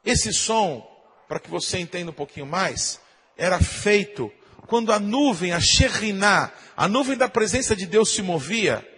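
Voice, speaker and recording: A Brazilian pastor preaching a sermon, often asking the congregation "amém?" and imitating shofar blasts. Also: male voice, high voice, lively intonation, normal speed, pushed and bright, husky, in a large hall. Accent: Brazilian Portuguese.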